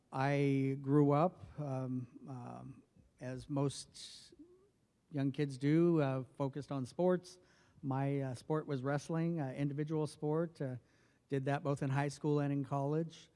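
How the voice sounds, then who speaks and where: A soft-spoken federal health official from northwestern New Mexico gives personal remarks at a formal event, hesitating often and using many fillers. His medium-pitched voice moves little in pitch and goes slowly. He speaks into a podium microphone, and the large hall adds a long reverb.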